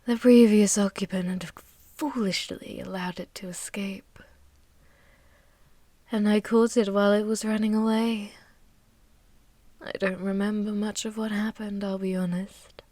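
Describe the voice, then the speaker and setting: This ASMR roleplay features a woman as an ancient, ruthless, seductive vampire mistress, speaking a monologue to the listener right up against the mic. Her natural voice stays at a medium pitch with little movement, soft and breathy with frequent whispers, and the mood is wistful and sinister. She's slow, teasing, haughty and commanding, with no room sound.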